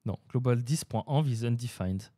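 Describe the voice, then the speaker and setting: A man's voice: medium pitch, moderate pace, warm tone. A man hosting a casual live-coding stream, chatting with viewers and muttering to himself as he works. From French-speaking. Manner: chatty, talks to chat while coding, hums and mutters. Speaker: livestream host.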